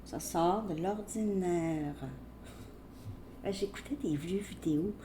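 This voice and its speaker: A woman with a Québécois French accent giving a tarot reading, talking slowly and hesitantly with many fillers and restarts. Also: on the low side, dark tone, a little hiss or hum. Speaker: tarot reader.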